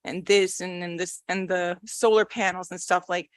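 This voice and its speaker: A woman's voice: fairly low pitch, steady tone, moderate pace, no echo. A young woman speaking at a public hearing, nervous yet blunt and frustrated. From Canada. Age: young adult. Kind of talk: public comment. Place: council chamber.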